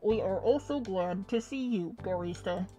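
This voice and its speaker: A woman voicing a calm, formal alien visitor whose voice sounds muffled, as if inside a spacesuit helmet. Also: medium pitch, soft background music. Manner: formal, measured, speaks as "we". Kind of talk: voicing a game character on stream.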